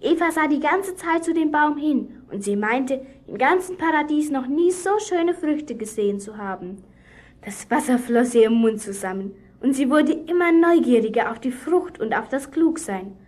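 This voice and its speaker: A woman's voice: high voice, lively intonation, normal speed, a little mellow. A woman acting a young girl in a children's radio play, earnestly retelling a Bible story to a boy.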